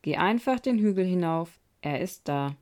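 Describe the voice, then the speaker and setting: Casting: chirpy carefree wooden puppet girl, storybook, woman reading, raised pitch. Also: animated, moderate pace, a little mellow, close to an everyday voice. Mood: cheerful.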